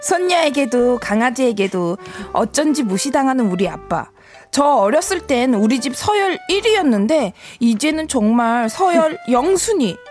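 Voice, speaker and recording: A woman's voice: sits high, very animated, moderate pace, darkish tone, soft background music. A woman narrating a comedic sketch in a wry, playful way. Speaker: narrator and daughter.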